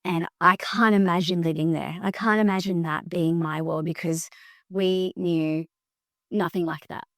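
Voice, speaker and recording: A reflective woman sharing personal stories on a podcast, sometimes stumbling over her words. Her voice sits a little low. The recording is dry and close. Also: fairly even intonation, unhurried, dry recording. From Australia. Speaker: podcast co-host, business partner. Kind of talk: casual podcast chat.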